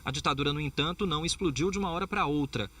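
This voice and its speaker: A male reporter reading a scripted news narration in a measured, formal way. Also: fairly high pitch, pushed and bright, slightly rough, far from the mic.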